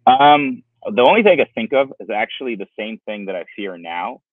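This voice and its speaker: A Russian-born man in his forties, a company founder appearing as a guest, answers interview questions over a video call from an outdoor patio, rambling with lots of restarts and fillers. His voice sits on the low side with lively intonation and a slightly fast pace. The audio, captured through wireless earbuds, is dry and thin like a phone call, with no echo.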